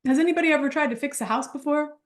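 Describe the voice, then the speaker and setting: An Argentine business coach runs a live workshop, telling animated, chatty stories full of asides. Her voice sits high and she races along, with a roomy sound around her.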